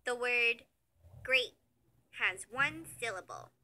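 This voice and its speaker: A woman narrating a children's lesson in a slow, cheery sing-song voice, praising between words, over background music. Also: a little high, expressive, bright, forceful tone, a little hiss or hum. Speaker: children's learning app narrator.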